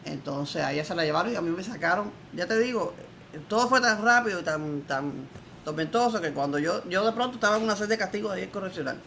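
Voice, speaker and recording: A woman's voice: on the low side, expressive, fast, vocal fry, a bit bright, a little hiss or hum. An older woman with a Cuban accent giving an emphatic, defiant testimony in an interview. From Cuba. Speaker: interviewee, former political prisoner.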